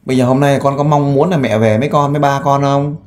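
A man who works as a volunteer interviewer. He asks gentle, coaxing questions and makes an earnest appeal with frequent fillers. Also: medium pitch, steady tone, quick pace. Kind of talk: on-the-spot interview and appeal to camera.

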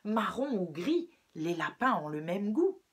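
A woman voicing a sly, hungry male fox in a children's storybook read-aloud, growling and gloating, in a breathy voice. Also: medium pitch, sing-song, unhurried. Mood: greedy.

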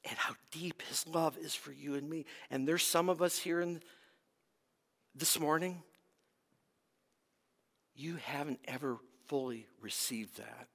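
A man's voice: a little high, measured pace, vocal fry, long pauses, fairly bright tone, breathy edge. A man preaching a sermon as pastor, earnest and emphatic, swelling in intensity and then dropping almost to a whisper. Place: church sanctuary. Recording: long hall reverb.

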